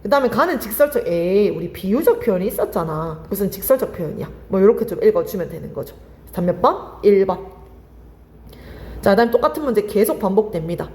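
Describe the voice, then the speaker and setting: A woman's voice: mid-range voice, expressive, fast, darkish tone, in a large hall. A woman teaching Korean literature for exam prep, firing questions at her students and answering them herself. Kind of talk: lively exam-prep lecture.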